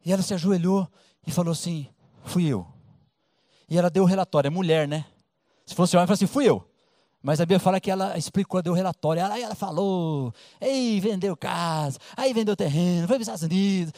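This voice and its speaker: Animated Brazilian pastor, high voice. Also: male voice, brisk, dry recording, clean studio sound. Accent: Brazilian Portuguese. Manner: colloquial, animated storytelling with acted-out voices. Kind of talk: sermon.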